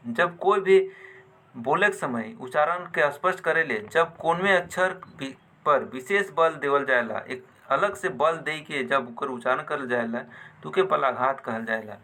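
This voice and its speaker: A man teaching a grammar lesson, deliberately repeating example words in pairs. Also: a little high, sharp tone.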